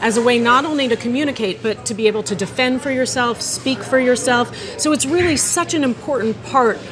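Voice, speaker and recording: A woman's voice: fairly high pitch, brisk, a crowd in the background. A woman reporter who interviews and explains in a friendly way and laughs easily.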